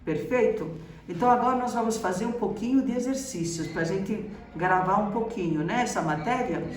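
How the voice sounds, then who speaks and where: A woman's voice: medium pitch, moderate pace. A Brazilian woman teaching a school lesson, explaining each word patiently and checking in with the class after every point. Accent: Brazilian Portuguese. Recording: roomy echo, voice from a distance, faint background noise.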